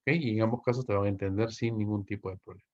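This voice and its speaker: A fairly low-voiced English teacher from Peru gives a recorded English grammar lesson in Spanish, his tone steady and a little mellow. He explains step by step, asks students questions, constantly checks with "¿ok?", and reads English example sentences slowly and clearly. The recording sounds dull and lo-fi.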